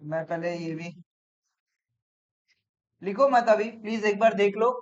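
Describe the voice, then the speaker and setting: A man teaching accounts in a classroom lecture, brisk and coaxing, often checking whether students follow. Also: high voice. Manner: brisk, coaxing, peppered with "theek hai?". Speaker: commerce teacher. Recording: dull lo-fi classroom recording.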